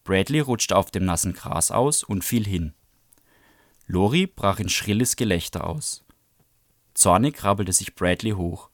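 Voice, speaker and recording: Male book presenter, low voice, dry close sound, measured read-aloud. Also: expressive, no room sound.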